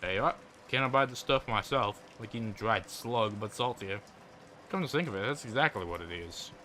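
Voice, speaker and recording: A man's voice: lowish voice, lively intonation, normal speed, sharp tone, slight background noise. A man reading out a cheerful folksy hobo. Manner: folksy, easygoing drawl, rural turns of phrase.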